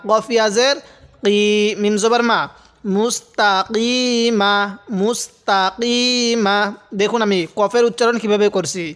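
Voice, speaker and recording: A man teaching Quran reading in a lesson, spelling out each word slowly and pausing for viewers to repeat after him. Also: high voice, steady tone, a bit bright. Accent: Bangladeshi Bengali. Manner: slow drawn-out syllable-by-syllable recitation, then quicker plain explanation; addresses viewers directly and pauses for them to repeat.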